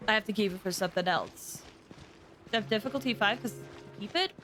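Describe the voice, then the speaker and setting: A woman livestreams a game, chatting casually and informally with her viewers in a rambling way. Her mid-range voice is fairly bright and a little fast, with soft game music playing in the background.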